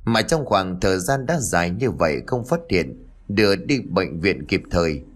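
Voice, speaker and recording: A man's voice: deep voice, normal speed. A man narrating a ghost story in a scripted, dramatic storytelling manner. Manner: expressive storytelling, dramatic rise and fall.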